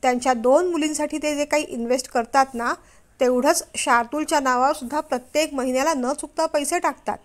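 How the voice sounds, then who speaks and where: A woman voicing an angry middle-aged husband who scolds his wife in a loud, stern way, read in a storybook. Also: high-pitched, normal speed, close to an everyday voice.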